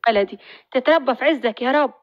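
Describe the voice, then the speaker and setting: A woman's voice: sits high, fast, no echo, dull audio, natural voice. Woman doing an older village midwife. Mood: blessing. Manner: motherly, consoling.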